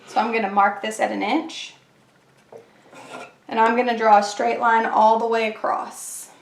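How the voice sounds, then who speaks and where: Fighting a cold and losing her voice, a woman hosts a chatty, step-by-step craft tutorial for her craft channel. Her voice is a little high with vocal fry, little pitch movement and a measured pace, and the echoey room picks up faint kitchen clatter.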